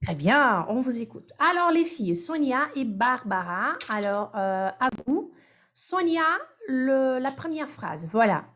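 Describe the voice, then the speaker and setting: A woman teaches French over a video call. She speaks slowly, drawing phrases out syllable by syllable so her students can copy the rhythm. Her voice sits a little higher than most. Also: very animated, a bit bright. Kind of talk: online class drills.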